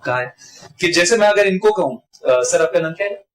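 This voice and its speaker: A man's voice: high voice, animated, moderate pace, poor audio. A middle-aged man giving a workshop talk to a live group as a business trainer, repeating lines and shifting the stress on different words.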